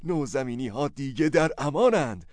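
A man voicing a frantic old male biochemist who talks breathlessly and shouts in a story reading. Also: lively intonation, no room sound, clean studio sound, lightly acted. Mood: excited. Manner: breathless, high-strung, shouting. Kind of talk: audio drama storytelling.

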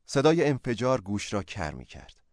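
A man reading a story as narrator, in a steady, measured way. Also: on the low side, no echo, studio quality. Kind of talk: scripted narration.

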